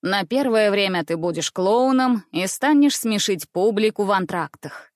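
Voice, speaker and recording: A woman's voice: mid-range voice, lively intonation, normal speed, no echo, clean studio sound, close to an everyday voice. A woman reading aloud, voicing a genial, commanding stout male circus director in a storybook. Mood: businesslike.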